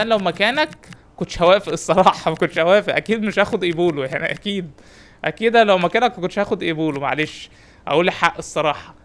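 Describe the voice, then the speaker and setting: A young man with an Egyptian Arabic accent, commenting on his own gameplay in rapid, animated banter and teasing the characters on screen. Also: sits high. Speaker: gaming YouTuber.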